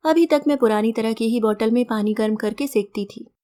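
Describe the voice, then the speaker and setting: A woman storyteller reading a first-person story aloud in a gentle, reflective, measured way. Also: fairly high pitch.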